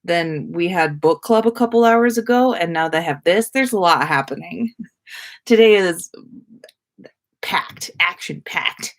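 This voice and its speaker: This woman's voice is on the low side and expressive, delivered at a measured pace. As a podcast host on a casual livestream, she reads viewer comments and talks with her audience informally, using slang and a bit of swearing.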